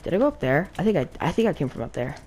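Frantic, chatty woman with a lowish voice. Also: racing, slight background noise. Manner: frantic, excitable, talks through each move aloud. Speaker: gaming channel co-host. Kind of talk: casual let's play chat.

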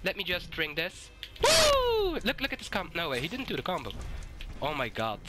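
A sick, hoarse man giving swearing, excitable let's-play commentary and shouting at the game. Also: sits high, moderate pace, music in the background. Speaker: gaming YouTuber.

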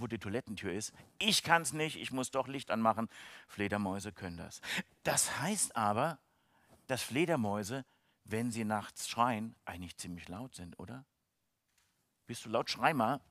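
A man presenting science to children with playful enthusiasm, his voice leaping up and down in pitch. The sound is close and dry, with no room around it. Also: a bit bright, no echo. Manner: enthusiastic, playful, speaks directly to kids. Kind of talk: lively children's science lecture. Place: university event, online stream.

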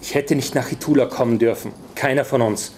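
A man's voice: medium pitch, fairly even intonation, brisk, a little mellow, slight background noise, close to an everyday voice. A man reading aloud voices a middle-aged dragon-hunter father, tense and urgent.

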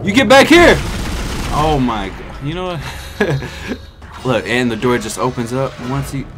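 A young American man giving excitable, trash-talking commentary while he plays a video game. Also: mid-range voice, a little slow. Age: young adult. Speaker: gaming video host. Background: game music and sounds.

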